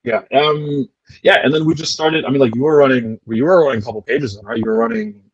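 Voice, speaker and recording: A man's voice: mid-range voice, expressive, fast, husky, dry recording, highs cut off. A young man from Canada co-hosting a casual podcast, rambling playfully with many restarts. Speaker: podcast co-host. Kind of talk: casual chat.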